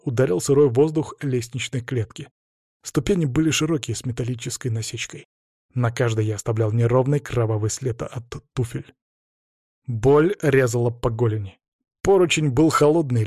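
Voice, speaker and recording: Dark, husky male audiobook narrator. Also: mid-range voice, dry recording, clean studio sound. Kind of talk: first-person scripted narration.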